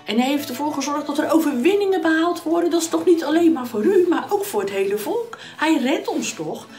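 A woman's voice: high voice, lively intonation, a little fast, a little mellow, soft background music, voice pushed up. A woman voicing an earnest young prince pleading with his father in a children's Bible story.

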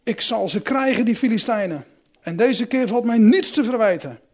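A man's voice: very high-pitched, animated, normal speed, a little mellow. A man reading out Samson, fierce strongman. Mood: vengeful.

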